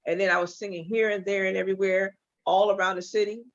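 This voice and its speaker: A woman in her forties speaks quickly in a mid-range voice, openly narrating her story during a casual interview. She's a hair and makeup artist based in Los Angeles who gets animated at points. The recording is dull and lo-fi.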